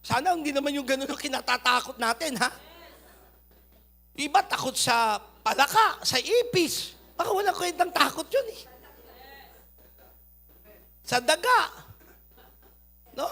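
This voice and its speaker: A man preaching a sermon, swinging between loud urging and quiet asides. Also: very high-pitched, expressive, measured pace, vocal fry, pauses often. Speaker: pastor.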